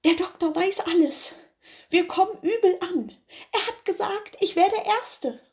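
A woman's voice: extremely high pitch, a little slow, darkish tone, voice pushed up. A woman doing a panicky, frightened servant man. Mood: panicked. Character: frightened male servant caught stealing.

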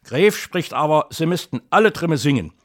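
A middle-aged man reading an introduction and then telling a story with measured, lively delivery. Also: on the high side. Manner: measured, lively storytelling, slips into dialect for the tale. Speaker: narrator and reader.

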